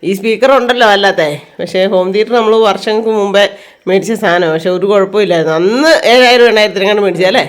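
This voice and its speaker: A woman's voice: medium pitch, fast talker. A middle-aged woman from Kerala with an Idukki Malayalam accent, chatting to her viewers as she does chores around her home and yard. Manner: chatty, tags sentences with "you know". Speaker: home vlogger. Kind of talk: casual chat while doing chores.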